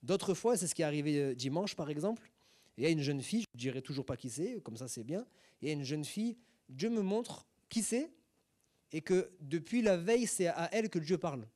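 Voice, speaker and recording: Middle-aged male pastor, slightly high voice, chatty sermon full of asides and rhetorical checks. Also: lively intonation, a little fast, warm tone. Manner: conversational teaching with many asides and rhetorical questions; acts out short sung and spoken examples. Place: church hall.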